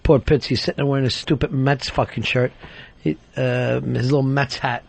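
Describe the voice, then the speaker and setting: A man's voice: mid-range voice, flat delivery, normal speed, creaky, a little mellow, a little hiss or hum. A man hosting a radio talk show, teasing his guests with profanity and frequent laughter. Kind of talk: casual radio banter.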